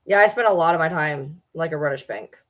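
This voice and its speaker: A woman's voice: sits low, fairly quick, a bit bright. A woman in her early forties chatting casually on a live stream, rambling and answering viewer comments. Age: 40s. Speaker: livestreamer.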